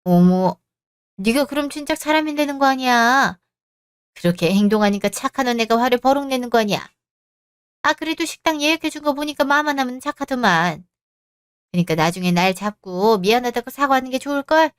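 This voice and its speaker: Lady doing a high shrill nagging mom-in-law, radio drama, dry. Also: lively intonation, fairly quick, clean tone, dry recording, lightly acted. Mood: scolding. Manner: shrill, scolding, fussy. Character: older woman, doting scolding mother-in-law.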